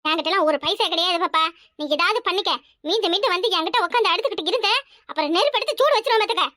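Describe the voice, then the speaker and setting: A woman's voice: expressive, sharp tone, dry recording, clean studio sound, heavily acted. A woman voicing a harsh, worn-out village mother in a cartoon, with a Kanyakumari Tamil accent and a scolding, threatening way of talking. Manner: shrill scolding, threatening, rapid-fire. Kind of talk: cartoon voice acting.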